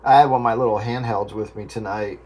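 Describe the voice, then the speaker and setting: Speaking fast in a fairly low, steady voice, an amateur ham operator chats casually during an on-air roundup. His two-way radio signal comes through noisy and full of static.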